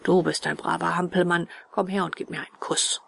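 A woman voicing a gruff, bearded male puppet-theatre director who is harsh but soft-hearted, with a rough, barking voice. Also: on the low side, animated, normal speed, no echo.

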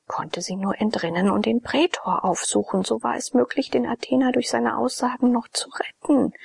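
A woman narrating a historical novel in a hushed storytelling manner. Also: medium pitch, creaky, husky, no room sound. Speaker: audiobook narrator.

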